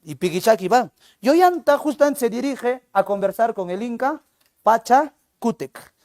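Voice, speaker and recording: A male literature teacher retelling a story in a lively way, acting out each character. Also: very high-pitched, normal speed, dry recording, clean studio sound. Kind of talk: storytelling lecture.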